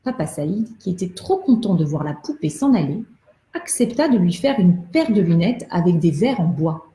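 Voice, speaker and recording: Female storyteller for kids, gentle and expressive, mellow tone, echoey room. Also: on the low side, moderate pace. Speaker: storyteller for children. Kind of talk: reading a children's book aloud. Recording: roomy echo.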